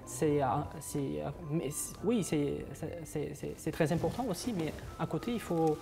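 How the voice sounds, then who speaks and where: With music in the background, this animated, gravelly voice sits on the high side and keeps a moderate pace. A twenty-something master's student from Uzbekistan, guesting on a TV morning show, he answers in non-native French with an Uzbek accent, repeatedly hesitating and restarting.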